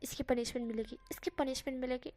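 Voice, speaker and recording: A teasing, possessive young man, put on by a woman in a read-aloud fan story. His tone is rough and high-pitched, pushing and mocking. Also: steady tone, fast talker, darkish tone, lightly acted.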